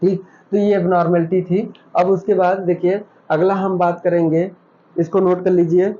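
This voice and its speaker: A man's voice: high-pitched, little pitch movement, moderate pace, warm tone, lo-fi sound. A man teaching a nursing class, who asks his own questions, answers them and repeats the key terms for his students. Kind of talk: classroom lecture.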